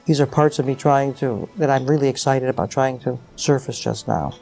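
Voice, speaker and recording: A middle-aged man as an interview guest, talking thoughtfully with many pauses and fillers, explaining ideas with rising animation. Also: mid-range voice, gravelly, darkish tone, soft background music. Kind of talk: reflective interview conversation.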